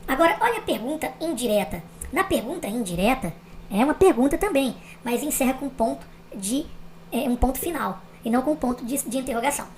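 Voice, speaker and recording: A woman's voice: high-pitched, expressive, brisk, slight background noise. A woman explaining grammar step by step on video, checking that the viewer follows. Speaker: teacher.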